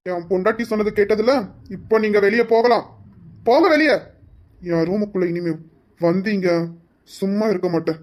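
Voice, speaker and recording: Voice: mid-range voice, fairly even intonation, brisk, close to an everyday voice. Someone voicing a stern young husband, angrily protective. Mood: angry. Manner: stern, forceful, warning. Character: furious young husband defending his wife. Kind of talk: amateur Tamil audio drama.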